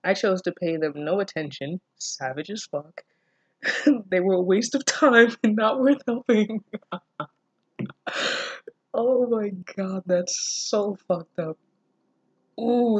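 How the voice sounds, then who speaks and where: Here a woman with a lowish voice mixes read-aloud fan fiction with casual reaction commentary, giggling and cutting in with remarks. She comes across as incredulous and self-deprecating and swears freely. The audio is dull, with no echo.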